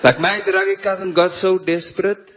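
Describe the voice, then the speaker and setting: A South African man doing a stand-up comedy set, delivering punchlines deadpan and mock-confessional into a stage mic. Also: sits high, moderate pace. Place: comedy stage before a live audience. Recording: live show with clear audience noise.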